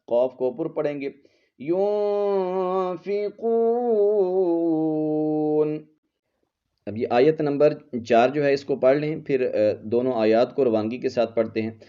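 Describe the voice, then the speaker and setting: A man's voice: medium pitch, dark tone. A man teaching Quran recitation, patiently spelling out each letter and vowel before blending the word. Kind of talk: slow letter-by-letter recitation lesson. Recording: slightly dull lo-fi audio.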